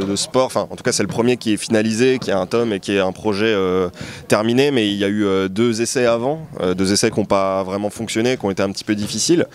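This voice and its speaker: Young man with a low voice, hesitant. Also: slight background noise. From Portugal. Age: 20s. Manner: hesitant, many filler sounds and restarts. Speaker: interview guest, manga artist. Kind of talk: casual interview chat. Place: outdoor basketball court in a city.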